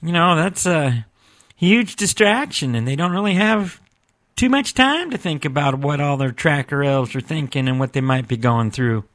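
A man's voice: fairly high pitch, animated, normal speed, a bit bright. A man voicing a chatty male elf radio reporter who talks in a folksy way and keeps calling his partner by name. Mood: earnest. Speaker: co-host, reporter. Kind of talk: comedic audio podcast acting.

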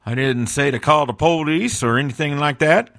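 A man voicing a gruff, blunt male elf flight tracker who talks in plain, rough grammar, as a guest on a comedic podcast. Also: on the high side, moderate pace, fairly bright tone. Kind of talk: comedic audio podcast acting.

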